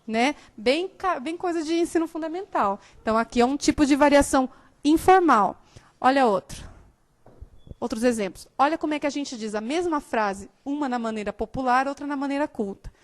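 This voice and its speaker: Woman teacher, São Paulo accent, high voice, live lecture, keeps asking if the class follows. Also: a little fast. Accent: São Paulo Portuguese, softened by years in southern Brazil. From São Paulo state, Brazil. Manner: explanatory, checks understanding often.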